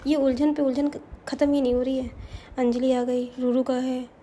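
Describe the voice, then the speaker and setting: A woman's voice: high-pitched, flat delivery, normal speed, dark tone, slight background noise. A woman narrating a story in a chatty way, speaking directly to her listeners.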